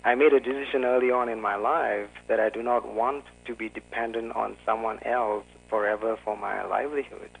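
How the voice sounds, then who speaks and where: A man from Singapore, a guest author, answering calmly and a bit formally in an interview. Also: lowish voice, a little fast, creaky, few pauses, rough recording. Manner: calm, careful and formal. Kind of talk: conversational interview.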